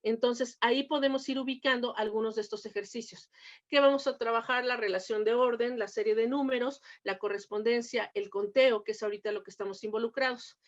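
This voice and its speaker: A woman's voice: on the high side, steady tone, a little fast, highs cut off. A woman giving a lecture to teachers, explaining step by step, asking rhetorical questions and restarting her phrases. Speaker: teacher trainer. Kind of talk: recorded lecture on preschool math teaching.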